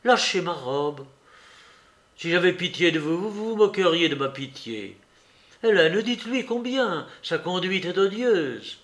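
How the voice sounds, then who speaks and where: A proud, hot-tempered young woman in an audiobook, put on by a male reader. She scolds in a sharp, raised voice, pushed up higher than a man's usual tone. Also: very animated, unhurried, full character voice. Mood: exasperated. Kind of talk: audiobook character reading.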